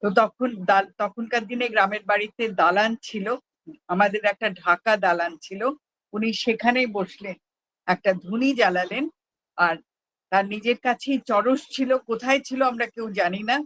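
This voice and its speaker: A person reading a personal memoir aloud at a prayer gathering, in an unhurried, measured storytelling manner. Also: mid-range voice, fairly bright tone, slight background noise, rough recording.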